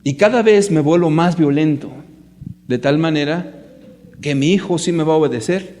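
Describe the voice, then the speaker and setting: A preacher speaks to a gathered audience with a fairly high voice. He is emphatic and rhetorical and turns often to question his listeners. Long reverb from a large hall hangs behind every line. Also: moderate pace, darkish tone, slight background noise. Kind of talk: sermon to a live audience.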